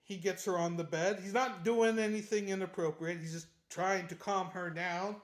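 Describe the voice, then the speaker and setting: A book reviewer giving a casual, animated chapter recap, slangy and laughing often. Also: medium pitch, moderate pace. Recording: roomy echo.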